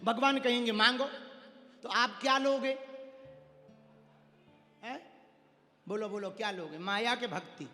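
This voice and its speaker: A man's voice: very high voice, measured pace, long pauses, bright, forceful tone. A man preaching a devotional sermon to a large gathering, telling a story and coaxing the crowd to answer him. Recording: long hall reverb, faint music.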